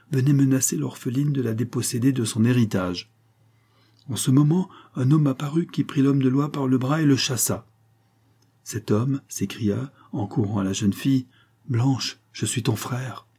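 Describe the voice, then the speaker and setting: Husky, dark-voiced male storyteller. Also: mid-range voice. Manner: dramatic, measured reading. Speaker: audiobook narrator. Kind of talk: scripted narration of a novel.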